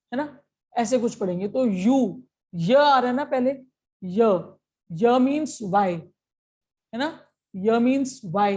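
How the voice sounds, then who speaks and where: In an exam-prep grammar lesson, a woman with a slightly high, mellow voice walks through the material step by step. She mixes Hindi and English and often checks understanding with short questions.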